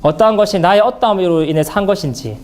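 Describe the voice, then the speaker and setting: A man speaking at a church Bible seminar in an earnest, halting way, with many fillers and restarts. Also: high-pitched, a little mellow, slight background noise.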